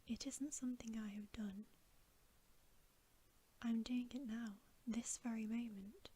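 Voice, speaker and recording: A woman's voice: on the high side, steady tone, takes it slowly, dark tone, slightly rough. A woman voicing a guilt-ridden, weepy male fawn in a whispered ASMR storybook reading. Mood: anguished, urgent. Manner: whispered, sorrowful, remorseful. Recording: faint background hiss.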